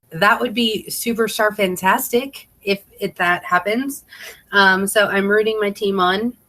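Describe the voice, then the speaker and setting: An independent sales consultant hosts a team training video, chatting casually and enthusiastically and rambling along. Her voice is mid-range and fairly bright, with a slight congested quality.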